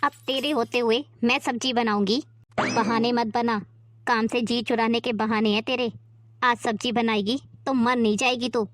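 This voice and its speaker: A woman's voice: on the high side, fairly even intonation, normal speed, dry recording, lightly acted. A woman playing a harsh, domineering sister-in-law who barks orders and scolds. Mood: bossy. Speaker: performer in a family skit. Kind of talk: amateur family drama acting.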